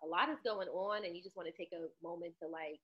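A soft-spoken woman chatting casually as a guest on a talk show, on a dull remote call. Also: lowish voice, fast, husky. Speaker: returning guest, author. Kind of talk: casual chat.

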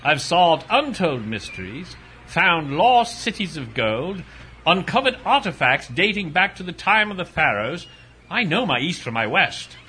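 A pompous blustering explorer. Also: male voice, a little high, very animated, unhurried, pushed and bright, slight background noise, heavily acted. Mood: boastful. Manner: blustering, boastful, hesitant. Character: pompous bumbling male explorer colonel. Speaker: Colonel Nichols. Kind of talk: radio drama acting.

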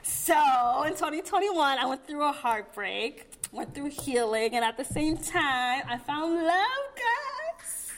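A young woman podcast co-host telling personal stories in casual, slangy, animated chat. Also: sits high, a little slow, hardly any pauses, noisy background.

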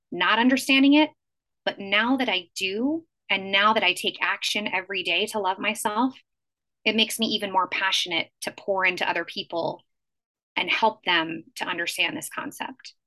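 A woman with a bright, forceful tone hosts a podcast conversation. She speaks earnestly and casually, leaning on fillers as she sets up the topic for her guest. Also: mid-range voice. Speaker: podcast host. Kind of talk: casual chat.

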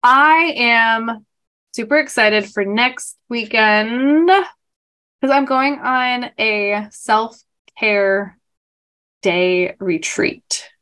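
A woman's voice: a little high, extremely slow, bright, forceful tone. A woman, co-hosting a podcast in casual chat, congested from allergies and laughing often. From New York. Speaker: podcast co-host.

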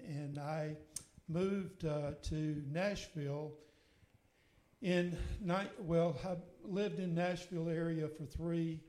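An older man from Mississippi, appearing as a radio guest, tells a long personal story that meanders, tying clauses together with "and so anyway". His voice is fairly high in pitch but dark in tone, and the sound is reverberant.

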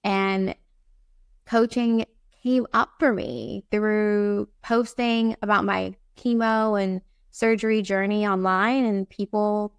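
Chatty woman from Barbados, gravelly tone. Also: mid-range voice, fairly even intonation, slow pace, dry recording, clean studio sound. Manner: chatty, many fillers, upbeat. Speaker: guest, time management coach. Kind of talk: casual interview talk.

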